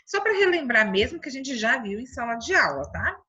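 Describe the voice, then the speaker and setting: A Brazilian woman teaching young children from home, speaking slowly and stretching each syllable. Her voice sits fairly high, bright and a little husky. The recording is dull and lo-fi. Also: big pitch swings. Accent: Brazilian Portuguese. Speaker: primary school teacher. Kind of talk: remote lesson for children.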